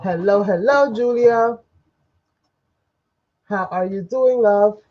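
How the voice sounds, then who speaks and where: A woman with a medium-pitched, warm voice speaks slowly, hosting a live crafting tutorial from her home craft desk. She's chatty and rambling with viewers, sniffly and clearly under the weather. An overhead livestream camera records her off-frame, and the audio sounds dull.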